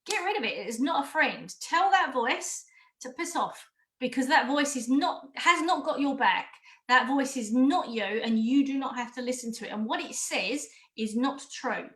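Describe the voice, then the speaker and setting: A woman gives an online coaching lesson in a high, bright voice. She is direct and emphatic and drives her points home by repeating them. The sound is roomy and echoey. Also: expressive, normal speed. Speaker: mindful eating coach. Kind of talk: online course talk.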